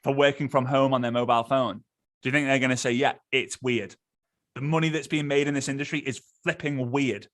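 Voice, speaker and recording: A man giving a motivational coaching talk, animated, repeating himself and acting out quick examples. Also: mid-range voice. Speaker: social media coach.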